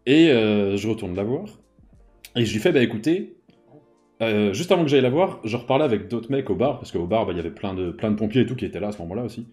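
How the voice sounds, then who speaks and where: A man's voice: fairly low pitch, fast, soft background music. A man in his thirties telling a personal story in a casual, slangy way, often adding "you see". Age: 30s. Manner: lively, slangy, peppered with "tu vois".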